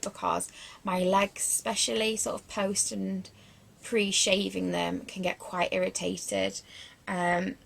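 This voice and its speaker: Chatty woman with vocal fry. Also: mid-range voice. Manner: rambling and chatty, lots of fillers and restarts; self-deprecating asides. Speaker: beauty vlogger. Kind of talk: casual product review chat.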